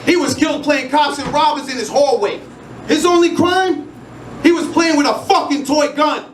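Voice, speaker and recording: High-voiced man performing angry slam poetry. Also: moderate pace. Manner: angry, intense, profane. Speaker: spoken word poet. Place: live venue stage. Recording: echoey room, distant mic, noisy crowd.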